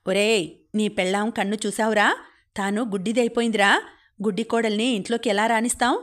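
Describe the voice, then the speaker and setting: A woman's voice: mid-range voice, steady tone, brisk, close to an everyday voice. A woman narrator voicing a stubborn, harsh older father in an audiobook. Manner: harsh, complaining.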